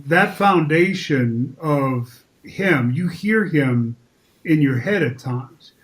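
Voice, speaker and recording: A man's voice: on the high side, animated, slow. A man, telling vivid, emphatic stories as a podcast guest. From Northeastern US. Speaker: guest, former football player. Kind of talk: storytelling in casual chat.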